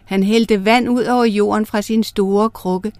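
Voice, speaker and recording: A woman narrating star myths and a fairy tale for children, reading in a clear, gentle way. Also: mid-range voice, fairly even intonation, dry recording. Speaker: storyteller.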